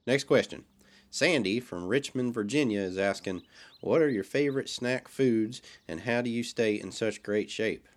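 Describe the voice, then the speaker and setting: A man's voice: medium pitch, normal speed, natural voice. A man playing a brash, wisecracking male hero sidekick who hosts a podcast, talking in a folksy, teasing, swaggering way. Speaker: podcast host.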